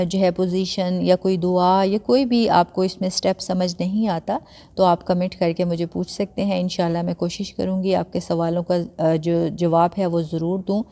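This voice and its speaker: A woman teaches prayer recitation in a patient, conversational way, slowing to sound out syllables one by one. Her voice sits a little low, with a dark, mellow tone. A long reverb trails behind her words. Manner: conversational, mixes in English words. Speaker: religious teacher. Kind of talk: step-by-step prayer lesson.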